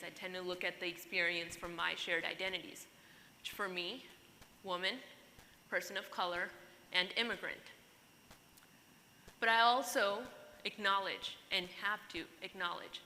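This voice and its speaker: Addressing a conference audience from a large hall, this Pakistani woman delivers her keynote with earnest emphasis. She has a lowish, bright voice with a forceful tone, and the recording picks up hall reverb and faint noise.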